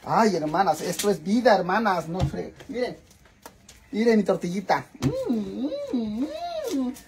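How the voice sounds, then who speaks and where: A man's voice: high voice, a little slow, gravelly, darkish tone, slight background noise. Dramatic, chatty Mexican man cooking. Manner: dramatic, chatty, swears freely, keeps addressing viewers as sisters. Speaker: vlogger. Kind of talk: casual cooking vlog.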